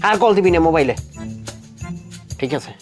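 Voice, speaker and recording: An actor playing a short-tempered village husband who blusters and threatens, with a rural Bangladeshi Bengali accent. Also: male voice, a little high, expressive, moderate pace, music in the background, close to an everyday voice. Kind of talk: comedy drama acting.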